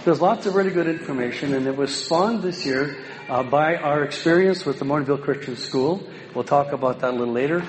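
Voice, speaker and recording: A Canadian man telling anecdotes at a home education meeting in a folksy, self-deprecating way, with many pauses and ums. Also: on the high side. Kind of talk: informal public talk with anecdotes. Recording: roomy hall with faint background noise.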